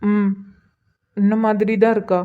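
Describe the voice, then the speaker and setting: A woman's voice: mid-range voice, fairly even intonation, moderate pace, narrow, tinny audio, natural voice. A woman voicing Arjun, an apologetic young husband and new father in a cartoon, speaking in a subdued way. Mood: reassuring. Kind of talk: cartoon voice acting.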